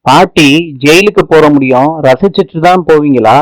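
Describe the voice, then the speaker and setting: A man's voice: on the high side, normal speed, dry recording, rough recording. A man narrating a TV serial episode recap in casual colloquial speech, reading out every character's lines in his own voice.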